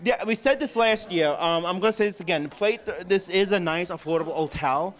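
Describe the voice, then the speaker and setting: A man's voice: high-pitched, a little fast. Rambling young man recapping a convention. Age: young adult. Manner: rambling, with fillers and restarts. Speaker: host. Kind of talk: casual convention recap chat.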